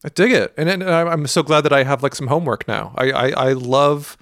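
A man's voice: fairly high pitch, brisk, fairly bright tone, no room sound. A man hosting a music podcast in casual, enthusiastic chat, often rephrasing himself.

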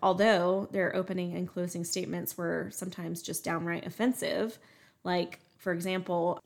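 A young woman chatting casually as a podcast co-host, filling her talk with "like" and "um". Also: on the low side. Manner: chatty, lots of "like" and "um" fillers. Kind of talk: casual true crime chat.

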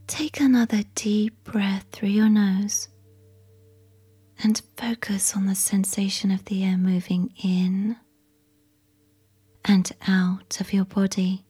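Female narrator, soft ASMR whisper for a sleep story, slow and mellow, a bit breathy. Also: medium pitch, level tone.

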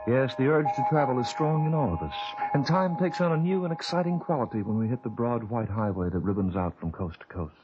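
A man's voice: medium pitch, expressive, very noisy, lightly acted. A man voicing Father Time, wry narrator. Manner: measured, ominous storytelling. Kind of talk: 1940s radio narration. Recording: dull old radio broadcast.

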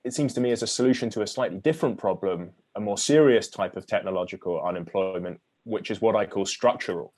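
A man, an author being interviewed, explaining his ideas in a measured way with frequent restarts. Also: lowish voice, a little mellow. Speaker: author guest.

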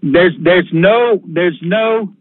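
A man calling a sheriff's office over the phone, talking in a halting, hesitant and evasive way. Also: sits high, dry recording. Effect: heard over a phone line. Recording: tinny, dry phone line.

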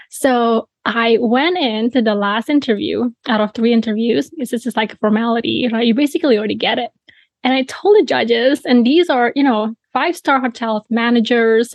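A young adult woman from Bali telling her story as a podcast guest, animated, often adding "you know" and "right". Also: fairly high pitch, no echo. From Bali, Indonesia. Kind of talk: casual interview storytelling.

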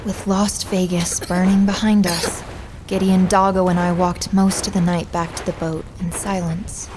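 A woman's voice: fairly low pitch, flat delivery, moderate pace, music in the background, natural voice, low-quality recording. A woman playing a young girl adventurer who narrates her journey reflectively in an audio drama. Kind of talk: scripted first-person story narration.

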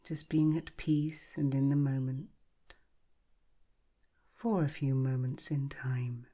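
A woman guiding a hypnotic relaxation in a soft, breathy, half-whispered voice, slow and soothing like a calming countdown. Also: a bass voice. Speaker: hypnotherapy guide. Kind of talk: guided hypnosis relaxation, scripted narration.

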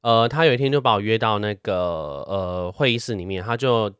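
A man's voice: fairly low pitch, smooth, no room sound, clean studio sound. A young man, telling a workplace story in a casual podcast chat. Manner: rapid-fire anecdote teller, animated. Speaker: podcast co-host.

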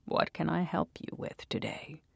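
A storyteller voicing a gaunt, eerily eager male shopkeeper in a hushed, whispery, slow, coaxing voice. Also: no room sound, clean studio sound, lightly acted. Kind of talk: storytelling voice acting.

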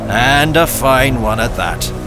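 An actor playing a sly, hearty one-legged sea cook in an audio drama, with a theatrical seadog drawl. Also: male voice, mid-range voice, expressive, slow, over music. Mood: jovial, sly. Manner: theatrical old-seadog drawl with swooping emphasis.

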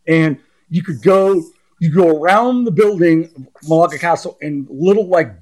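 A middle-aged man co-hosting a casual chat, telling drawn-out anecdotes in a conversational way. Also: on the high side, a little mellow, rough recording. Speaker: podcast co-host.

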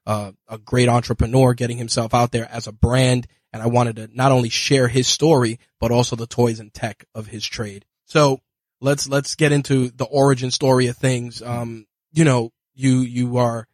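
A man's voice: medium pitch, level tone, moderate pace, darkish tone, dry recording. A man hosting a podcast, interviewing a guest in a casual, hesitant way with many fillers. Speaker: podcast host. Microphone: podcast studio mic.

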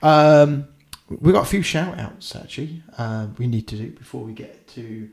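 A man's voice: mid-range voice, animated, normal speed, a little mellow. A man with a Norfolk accent co-hosting a diving podcast, rambling casually with plenty of ums and uhs. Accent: Norfolk English. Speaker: podcast co-host. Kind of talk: casual chat.

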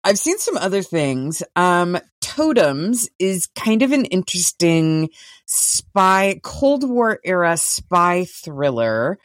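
A woman co-hosting a podcast, chatting casually about TV shows in a relaxed way, now and then swearing. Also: lowish voice, slow, no echo, studio quality. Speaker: podcast co-host.

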